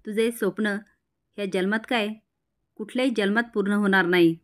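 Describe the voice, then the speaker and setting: A woman's voice: mid-range voice, a little fast, lightly acted. A woman voicing a proud, scornful young man, reading his lines out plainly within a recap.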